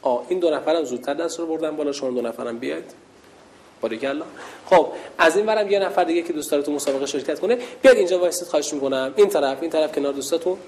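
A woman religious instructor leading a lively call-and-response game with young girls in a large hall. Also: sits low, a little hiss or hum. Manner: lively, playful, calls out loudly.

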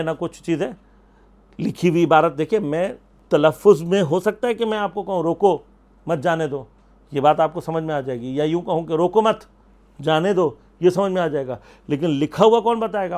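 A man's voice: a little high, a little mellow. Man explaining scripture in a lecture. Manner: explanatory, rhetorical questions, quotes Arabic verses. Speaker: religious scholar. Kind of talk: Quran commentary lecture.

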